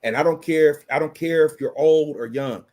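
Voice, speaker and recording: A man with a fairly high-pitched voice holds forth in an impassioned opinion rant. He is blunt and swears freely, hammering his point home by repeating phrases. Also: normal speed, darkish tone. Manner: blunt, profane, emphatic repetition.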